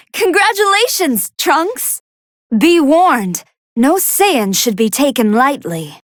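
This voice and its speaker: High feminine voice, polite android scientist, video game fight commentary, formal and earnest, very animated intonation, dry close recording. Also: female voice, dry recording, exaggerated voice. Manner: formal, precise, earnest, expressive. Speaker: match commentator.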